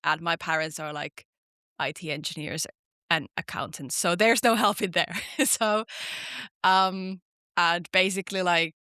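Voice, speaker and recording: A young Finnish woman, an actor appearing as a podcast guest, speaks in a fairly low, slightly slow voice, recorded at studio quality with no echo. Her first language is Finnish, and she chats casually in an interview, telling lively stories packed with "like" fillers.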